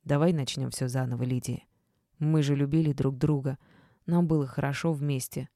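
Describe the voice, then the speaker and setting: A woman's voice: extremely low pitch, steady tone, moderate pace, dark tone, dry recording, clean studio sound, voice pushed down. Woman doing a whiny reproachful ex-husband. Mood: wheedling. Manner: reproachful, mumbling, wheedling.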